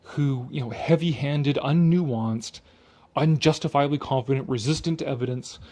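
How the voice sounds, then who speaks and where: In a dark, medium-pitched voice at normal speed, a man riffs through off-the-cuff video commentary. He's somewhat drunk, sarcastic, and exasperated, with emphatic delivery and free swearing.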